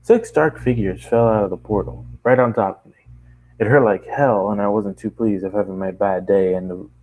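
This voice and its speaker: A man's voice: lowish voice, normal speed, phone-quality sound, slight background noise. A man casually reading a first-person story aloud, often stopping for asides and restarting lines. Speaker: narrator reading a fan story.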